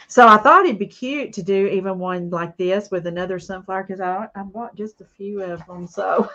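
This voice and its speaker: On a craft live stream, a tearful woman whose voice is on the low side chats with her viewers, warmly and emotionally reading their comments aloud and replying. The audio is dull.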